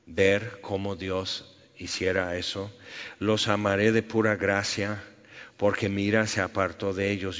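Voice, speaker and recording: A man's voice: deep voice, a bit bright. A man preaching a sermon, reading scripture and telling stories with sound effects. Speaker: pastor. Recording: echoey hall, dull lo-fi sound.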